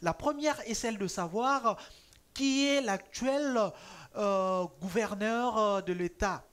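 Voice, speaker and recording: A talk-show host presenting the program and quiz in a measured, announcer-like way with small hesitations. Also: medium pitch, a bit bright.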